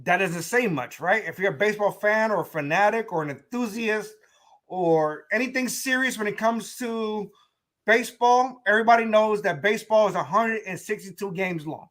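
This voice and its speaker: A high-voiced young man hosting a sports talk show. He talks to his listeners in a loose, animated way and often repeats and restarts his points. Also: moderate pace. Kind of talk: casual sports commentary.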